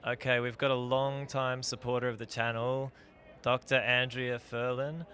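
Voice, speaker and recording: Bright-voiced live stream interviewer. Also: male voice, mid-range voice, little pitch movement, moderate pace. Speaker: livestream interviewer. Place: outdoors at a launch site.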